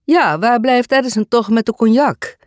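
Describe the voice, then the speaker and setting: A storyteller voicing a genial upper-class gentleman hosting guests in an audiobook mystery. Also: medium pitch, moderate pace, no room sound, clean studio sound, voice pushed up, close to an everyday voice. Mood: hearty. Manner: hearty, genial.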